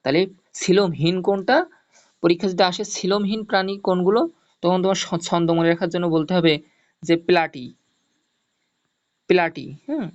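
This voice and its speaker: A man's voice: high-pitched, steady tone, fairly quick, long pauses. A male teacher gives an online zoology lesson, explaining step by step, repeating mnemonics and checking that students follow. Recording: dull lo-fi audio.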